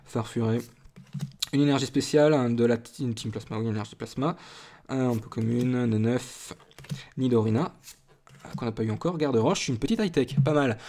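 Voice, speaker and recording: Male host, casual unboxing chatter, rambling and self-mocking, everyday mid-pitched voice. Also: a little mellow. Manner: chatty and rambling, listing card names, self-deprecating asides. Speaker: YouTube card-opening host. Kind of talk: casual booster-opening commentary.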